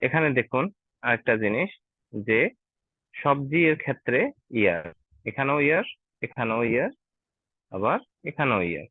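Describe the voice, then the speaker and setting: A man's voice: medium pitch, lively intonation, normal speed, pauses often, slightly rough, no room sound. A man teaching an online German class to Bengali speakers. He is patient and often checks that his learners follow. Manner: patient, asks learners "ঠিক আছে?" often. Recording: tinny, dry online call audio.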